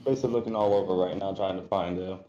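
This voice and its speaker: Low-voiced man playing a tabletop game. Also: steady tone, rapid-fire, dark tone, reverberant, highs cut off, a little hiss or hum. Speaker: player. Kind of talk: describing his character's actions.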